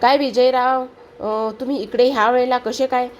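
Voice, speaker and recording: A woman's voice: fairly high pitch, steady tone, normal speed, a little hiss or hum, voice pushed up, natural voice. A woman voicing an angry middle-aged father-in-law who scolds his wife with indignant questions. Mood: genial.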